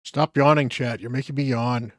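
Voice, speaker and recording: A man's voice: mid-range voice, steady tone, moderate pace, no room sound, clean studio sound. A tired man streaming a game, muttering casual asides and chatting with his viewers. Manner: rambling, muttering asides to chat. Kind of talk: casual live-stream chat while gaming.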